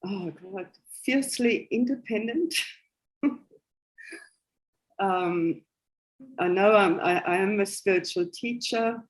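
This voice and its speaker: The recording is rough, and she speaks at medium pitch, slowly, with frequent pauses. She's a sixty-something woman from West Germany with a German accent, chattily telling her life story as a guest and laughing along the way.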